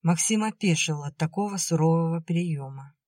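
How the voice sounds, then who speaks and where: A woman narrating an audiobook in a calm, even manner. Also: low voice, normal speed, dry recording, studio quality.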